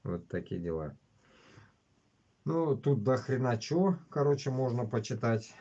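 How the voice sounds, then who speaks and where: On his casual livestream, a man from Bashkortostan reads out news and chats in an unhurried, dark-toned voice of medium pitch that swings widely. He is blunt and curses a lot. The stream sound is dull and lo-fi.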